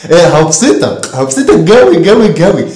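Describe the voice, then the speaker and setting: A man's voice: a little high, moderate pace, a little hiss or hum. A man with an Egyptian accent playing a stingy, mocking father who teases his son in a home comedy sketch. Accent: Egyptian Arabic. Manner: sarcastic, teasing, lively sing-song. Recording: echoey room.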